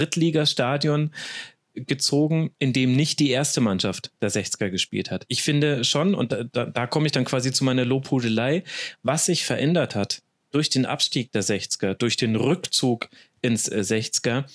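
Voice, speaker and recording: A man in his thirties from Franconia, a sports journalist talking as a guest in a casual podcast interview, enthusiastic and full of restarts and fillers. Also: mid-range voice. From Franconia, Germany.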